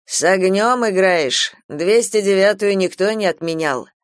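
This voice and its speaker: A woman voicing a cheerful, self-assured middle-aged man who teases gently. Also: medium pitch, measured pace, dry recording, studio quality, close to an everyday voice. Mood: warning. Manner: jovial, teasing.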